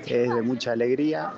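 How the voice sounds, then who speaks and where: A man's voice: mid-range voice, creaky. A man with an Argentine accent speaking hesitantly, with many restarts, at an outdoor community gathering. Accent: Argentine Spanish. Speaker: event participant. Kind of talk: vox-pop interview. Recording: lo-fi outdoor field recording with crowd.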